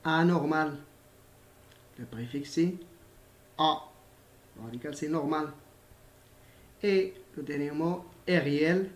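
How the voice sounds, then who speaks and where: This recorded grammar lesson comes from a male primary school teacher whose voice sits on the high side. He repeats himself patiently, spells out letters and hesitates to fill pauses, all in an echoey room.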